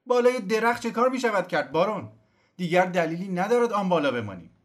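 A man reading an audiobook, voicing a fiery old male exile leader who declaims and shouts. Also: sits high, big pitch swings, pitched above the performer's own voice.

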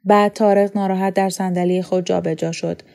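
A woman from Iran narrating a novel aloud in a calm, measured storytelling voice. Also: on the low side, creaky. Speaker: audiobook reader.

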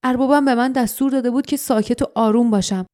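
A treacherous shape-shifter who serves a dark lord, sneering and menacing, voiced by a woman. The tone is a little high but mellow. It is a storybook reading. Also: fairly even intonation, natural voice.

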